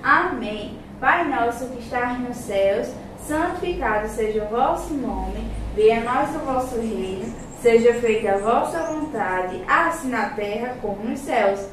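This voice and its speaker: A young adult woman with a Brazilian accent, a primary school teacher, gives a scripted lesson to children in a small tiled classroom. Her voice is on the high side and expressive, moving at a measured pace with few pauses. The room is echoey, and background noise comes through.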